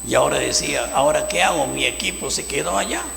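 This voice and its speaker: Man, pastor, fervent sermon, gravelly, rather high, echoey room. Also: fast, a little hiss or hum. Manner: fervent preaching, swings between soft and loud. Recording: echoey church hall, long reverb.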